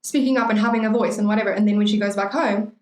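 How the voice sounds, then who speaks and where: A woman's voice: medium pitch, steady tone, racing, darkish tone. A young adult woman co-hosting a podcast, chatting casually in a rambling, playful way with lots of "like". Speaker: podcast co-host. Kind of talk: casual chat. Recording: roomy echo.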